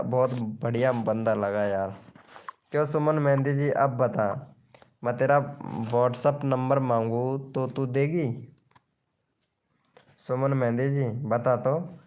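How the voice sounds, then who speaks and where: Slow, smooth-voiced man hosting a live stream. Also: mid-range voice, a little mellow. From Rajasthan, India. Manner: chatty, teasing, pleading for likes. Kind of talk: casual live chat reading comments.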